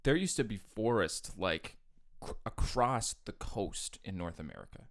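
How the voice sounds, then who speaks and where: A man's voice: on the low side, lively intonation, a little slow. A young man co-hosting a casual podcast chat, joking and laughing, with lots of "like". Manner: joking, laughs often, fillers like "like". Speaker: podcast co-host.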